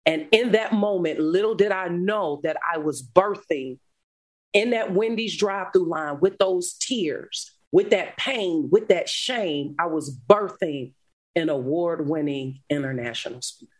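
A woman guest speaker telling her life story in an interview, animated, laughing often, moving between loud and hushed. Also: fairly low pitch, a little slow. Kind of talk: emotional storytelling.

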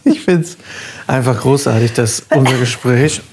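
A man in his mid-thirties hosting a podcast in a casual, conversational way, with a husky voice and a playful, self-deprecating manner. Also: mid-range voice, unhurried, darkish tone, slight background noise. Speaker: podcast host.

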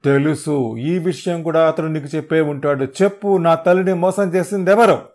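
A man's voice: medium pitch, steady tone, moderate pace, darkish tone, lightly acted. A man playing a ruthless, menacing young man. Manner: menacing, clipped threats. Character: cold, ruthless young man seeking his father.

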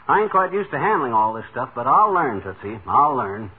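An actor playing a boastful, stubborn, folksy husband in a blustering, slangy 1940s radio comedy style. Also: male voice, mid-range voice, big pitch swings, normal speed, close to an everyday voice. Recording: tinny vintage radio broadcast.

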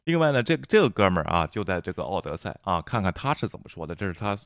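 A low-voiced man hosts a news podcast and talks quickly in a chatty way, trailing his phrases with filler particles. The recording is dry and close, with no room sound. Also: sing-song, fairly bright tone, dry recording. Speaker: podcast host. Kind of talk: news commentary over played clips.

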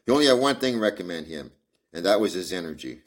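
A man's voice: low voice, big pitch swings, fast talker. A man reading the lines of a conceited, brilliant male detective who lectures scornfully in a storybook reading.

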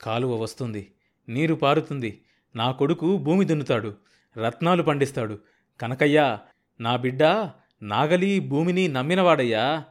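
A man's voice: mid-range voice, lively intonation, moderate pace, pauses often, close to an everyday voice. A man voicing a hardworking, proud farmer father who speaks firmly and with emphasis. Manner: firm, emphatic.

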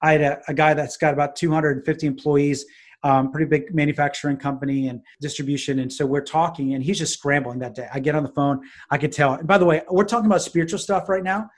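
A man with a fairly high voice, talking as a guest in a casual interview. He tells stories in an animated way and starts sentences over as he goes. His talk is full of fillers. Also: quick pace. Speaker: business consultant guest. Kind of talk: conversational storytelling interview.

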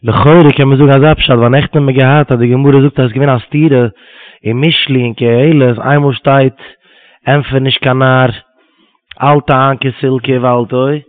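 A man's voice: mid-range voice, steady tone, very fast. A man giving a Talmud lesson, reading Hebrew quotes and explaining them in Yiddish. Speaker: Talmud teacher. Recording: tinny phone-line sound.

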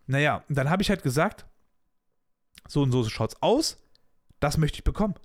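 Male podcast host, somewhat high voice, casual blunt storyteller. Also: normal speed. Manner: blunt, animated retelling of a workplace dispute with colloquial asides.

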